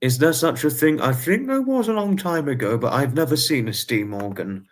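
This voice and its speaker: A livestream host in his twenties chats casually with viewers in a medium-pitched voice with lively intonation and a moderate pace. He tends to repeat himself and slips in quaintly formal phrases.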